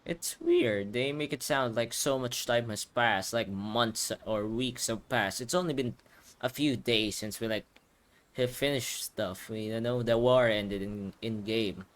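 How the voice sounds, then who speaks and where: A gaming video host gives casual, rambling commentary on a video game playthrough, thinking aloud as he goes. He speaks at a measured pace in a medium-pitched voice.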